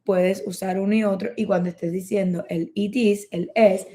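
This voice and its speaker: A woman teaching English in a lesson, slowly repeating phrases for learners to practice. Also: medium pitch, fairly even intonation, mellow. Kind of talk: bilingual language lesson.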